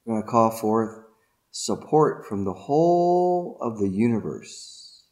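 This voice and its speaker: Male meditation guide, lowish pitch, very slow ceremonial delivery with short, deliberate phrases. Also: sing-song, darkish tone.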